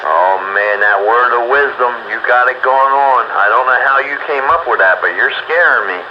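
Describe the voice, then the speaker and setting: This man's medium-pitched voice is expressive and moderately paced as he chats casually on a two-way radio. Taking part in an amateur radio net, he sounds folksy and exclamatory through a muffled, noisy ham transmission.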